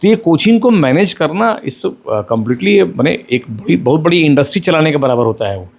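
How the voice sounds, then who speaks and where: A middle-aged male lawyer answering interview questions, explaining step by step in a measured way and mixing in English legal terms. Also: a little high, expressive.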